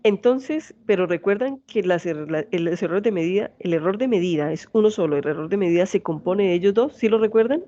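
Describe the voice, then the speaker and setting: A woman's voice: lowish voice, expressive, a little fast, hardly any pauses, warm tone, highs cut off. A woman in her forties with a Santander Colombian accent, a university teacher giving an online lecture and often asking her students questions. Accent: Santander Colombian Spanish. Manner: asks students many check questions.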